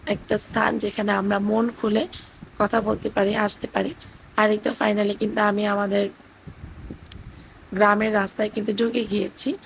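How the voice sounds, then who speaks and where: A hoarse woman narrates her family vlog in an even, flat tone. Her worn voice has a gravelly, cracking edge, and faint noise sits under the recording. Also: mid-range voice, poor audio. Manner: gentle storytelling with fillers. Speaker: vlogger narrating family trip. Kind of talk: voice-over narration. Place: indoors at her parents' house.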